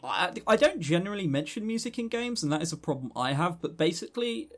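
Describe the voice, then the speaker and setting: A podcast co-host, male, trades casual, joking banter, rambling excitedly and often stumbling over repeated words. His voice sits at a medium pitch.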